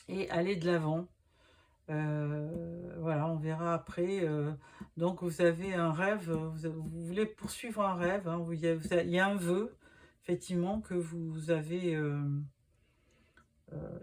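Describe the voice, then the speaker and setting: A woman's voice: on the low side, a little mellow. A middle-aged woman giving a tarot reading, hesitant and reassuring, speaking straight to the listener. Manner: hesitant, many filler sounds and restarts; reassuring, addresses the listener directly. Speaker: tarot reader.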